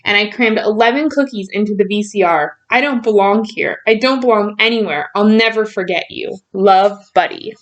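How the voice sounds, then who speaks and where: A woman reading a storybook, voicing an excitable, naive grown man who was raised as an elf, earnest and exclamatory. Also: medium pitch, moderate pace, few pauses, lightly acted. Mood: sad, sorry.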